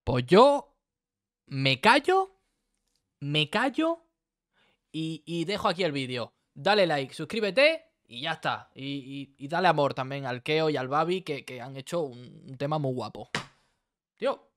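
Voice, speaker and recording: A man's voice: fairly high pitch, moderate pace, fairly bright tone, no room sound. A young man from Spain with a Spanish accent, chatting casually as he reacts to a song, easygoing and full of restarts. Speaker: music reaction host.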